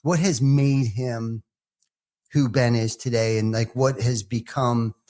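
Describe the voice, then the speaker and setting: A man hosting a podcast interview, talking in a loose, halting way with many filler words. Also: medium pitch, fairly even intonation, mellow. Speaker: podcast host. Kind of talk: casual interview chat.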